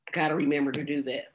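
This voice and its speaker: A woman's voice: low-pitched, bright, forceful tone. A woman with a scratchy throat giving blunt, exasperated commentary on election results, with plenty of ums. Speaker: political commentator. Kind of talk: casual election-night commentary.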